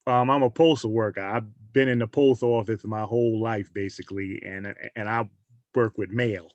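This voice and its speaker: A man introducing himself to a class on a video call, hesitant and halting, with many restarts. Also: fairly low pitch, steady tone, no echo, lo-fi sound.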